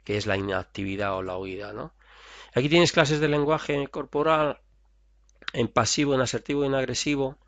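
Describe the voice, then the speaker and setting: A man's voice: medium pitch, moderate pace, a bit bright, dry recording, highs cut off. A man teaching a recorded therapy course over slides, talking conversationally and acting out short example dialogues.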